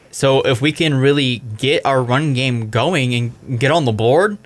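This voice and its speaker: Young male college radio host reading scores and stats, loose and chatty, often corrects himself. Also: medium pitch. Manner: casual, fills with "I mean", corrects himself. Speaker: sports show host. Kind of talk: college radio sports recap.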